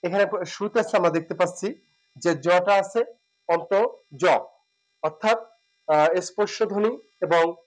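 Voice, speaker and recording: High-voiced man teaching pronunciation slowly. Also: poor audio. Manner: slow, drawn-out repetition of words and sounds, with hesitant fillers. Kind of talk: spoken pronunciation lesson.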